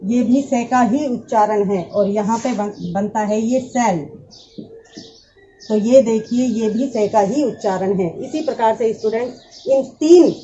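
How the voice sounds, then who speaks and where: Slow-talking woman teaching English. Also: a little high, warm tone, highs cut off, a little hiss or hum. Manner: patient, repeats words and addresses students directly. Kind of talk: classroom lesson explaining pronunciation.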